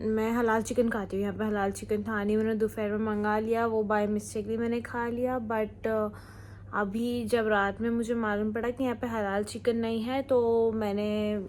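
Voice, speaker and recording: In a hotel room, a young woman who works on flight crew talks to her phone camera in a slightly high voice, blending Hindi with English words. The casual vlog chat carries a faint hiss or hum.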